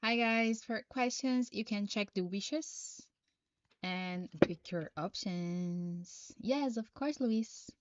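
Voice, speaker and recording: On a live stream, a woman from Brazil reads tarot, speaking English as a second language with a Brazilian Portuguese accent. Her voice is medium in pitch as she reads out viewers' questions and answers in an unhurried, halting way, and the recording is dry with the highs cut off.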